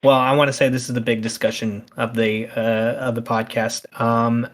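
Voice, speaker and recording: A man in his thirties hosting a casual gaming podcast, talking in an animated, ranting way. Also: medium pitch, normal speed. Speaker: podcast host.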